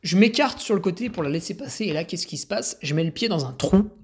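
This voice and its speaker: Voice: medium pitch, lively intonation, fast. A trail race announcer telling casual, rambling anecdotes with self-mocking asides.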